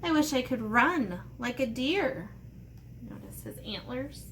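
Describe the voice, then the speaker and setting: A woman with a fairly high voice and wide pitch swings speaks slowly over some background noise. She's an elementary art teacher leading a read-aloud and drawing lesson, walking children through each step in simple, playful language with little playful asides.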